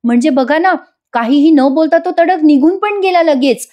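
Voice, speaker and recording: A woman's voice: high voice, moderate pace, darkish tone, pitched above the performer's own voice, lightly acted. A woman voicing a thoughtful young wife who reasons aloud and asks questions, in a voice-over retelling of a serial scene. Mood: earnest.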